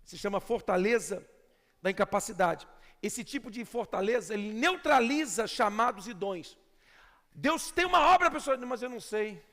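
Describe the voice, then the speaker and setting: A man with a Brazilian Portuguese accent preaching a sermon as pastor, emphatic, swinging between shouts and quiet asides. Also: sits high, lively intonation, normal speed. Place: church sanctuary. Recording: long church reverb.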